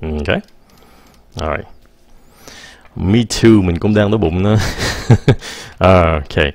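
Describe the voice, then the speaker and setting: A man, teaching English in a casual, patient lesson and repeating example phrases slowly. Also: low voice, a little mellow, dry recording.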